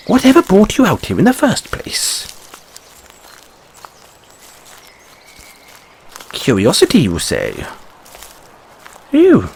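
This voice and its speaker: A man's voice: sits high, vocal fry, a little mellow, husky, exaggerated voice. A man playing an anxious, polite, whimsical rabbit boy in a fantasy audio roleplay, with stammered, courteous, old-fashioned phrasing. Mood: polite, curious. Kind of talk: theatrical fantasy audio roleplay addressed to listener.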